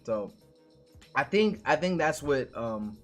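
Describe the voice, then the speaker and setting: A man's voice: mid-range voice, slow. Male co-host, easygoing and rambling, on a video-call podcast, with music faint in the background. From New York. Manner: relaxed, rambling, thinks aloud with many restarts. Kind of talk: casual live-stream chat.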